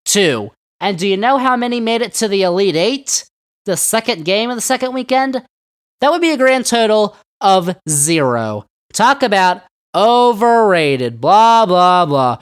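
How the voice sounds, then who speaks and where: A man's voice: high-pitched, big pitch swings, moderate pace, smooth. A man hosting a solo sports podcast, talking sarcastically and throwing rhetorical questions at his listeners. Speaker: podcast host.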